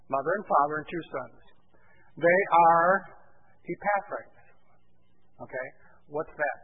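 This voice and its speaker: A man preaching in a high-pitched voice. He keeps asking the congregation questions and then answers them himself. The recording is thin and narrow, as if heard over a phone line. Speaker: pastor. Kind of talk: sermon. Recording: tinny phone-like church recording.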